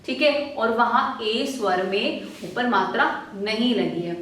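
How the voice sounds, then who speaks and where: Woman schoolteacher, slightly high voice, slow and patient, sounds far off in an echoey room. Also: animated, fairly bright tone. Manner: patient, repeats questions and answers them herself. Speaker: primary school teacher. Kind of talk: slow, syllable-by-syllable reading lesson for children. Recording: roomy echo, voice from a distance.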